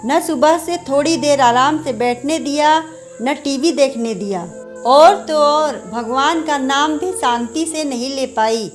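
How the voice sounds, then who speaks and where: A woman's voice: sits high, takes it slowly, soft background music. A woman voicing a strict, domineering middle-aged mother-in-law in a storybook. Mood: exasperated. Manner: bossy and scolding.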